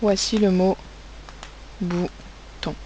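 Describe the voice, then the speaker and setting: A woman's voice: mid-range voice, flat delivery, extremely slow, mellow, highs cut off, a little hiss or hum. A woman teaching young children spelling and handwriting, speaking patiently and spelling out letters and sounds, with a French accent.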